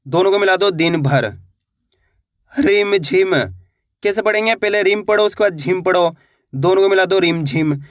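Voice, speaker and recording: A man teaching Hindi reading online, sounding out words slowly syllable by syllable and repeating each rule. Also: high voice, a bit bright, no room sound, studio quality. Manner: slow syllable-by-syllable drilling, repeats rules.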